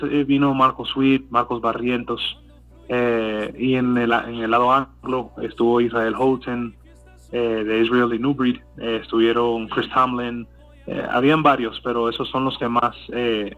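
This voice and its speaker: A hesitant man speaks at a measured pace in a level, mid-range voice, answering interview questions with many fillers and restarts. He's from Miami and a native English speaker, with a Cuban Spanish accent softened by Colombian influence. The audio sounds like a phone call, with soft music in the background.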